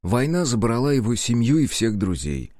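A man narrating an audiobook in a measured, even storytelling manner. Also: mid-range voice, dry recording, studio quality. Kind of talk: scripted narration.

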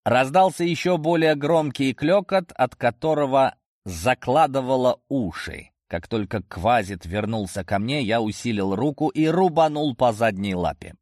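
A man's voice: mid-range voice, animated, normal speed, a little mellow, no room sound, studio quality. A man narrating a first-person fantasy audiobook in a tense, action-driven way.

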